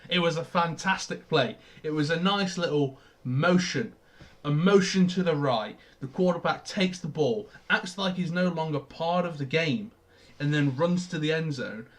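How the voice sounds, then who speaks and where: A man's voice: on the high side, animated, normal speed. A young man from Australia co-hosting a casual sports podcast, explaining plays with eager enthusiasm. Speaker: podcast co-host.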